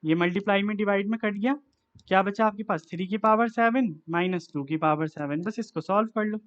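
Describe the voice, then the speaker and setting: A man's voice: high-pitched, fairly quick, a bit bright, muffled recording. A man teaching a maths lesson, working through sums aloud step by step and asking himself each next step.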